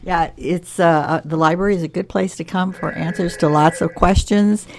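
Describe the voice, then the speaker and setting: A woman's voice: lowish voice, steady tone, moderate pace, slight background noise. A woman hosting a local interview show, friendly and a little hesitant as she asks questions. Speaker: radio show host.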